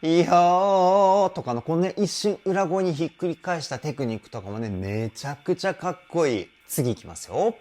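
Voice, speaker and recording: Lively enthusiastic male vocal coach. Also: on the high side, a little fast, hardly any pauses. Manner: enthusiastic, explanatory, frequent praise. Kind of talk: reaction video vocal analysis commentary.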